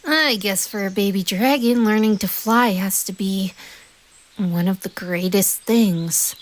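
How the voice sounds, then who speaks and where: In a fan audio roleplay, a woman voices a young male bard who is a doting single dad, playful and easily flustered. She speaks expressively at a measured pace, her medium-pitched voice close to her everyday one, teasing and affectionate with exasperated sighs and chuckles.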